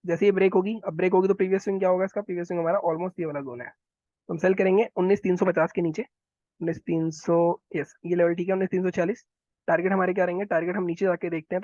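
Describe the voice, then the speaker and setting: A man talking viewers through market charts, quick and instructive, often repeating his phrases. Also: sits high, fairly even intonation, darkish tone, no echo, lo-fi sound. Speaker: stock market analyst. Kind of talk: chart analysis walkthrough.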